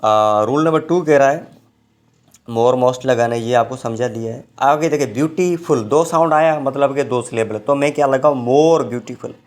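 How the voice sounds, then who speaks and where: A man teaching English grammar in a recorded online lecture, explaining step by step and often checking in with his students. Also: medium pitch. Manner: explains slowly, with frequent check-ins.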